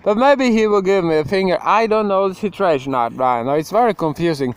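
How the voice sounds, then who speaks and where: A man's voice: high-pitched, animated, fairly quick, smooth. A young man rambling emotionally to the camera in a casual monologue, breaking into laughs and sudden outbursts. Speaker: vlogger.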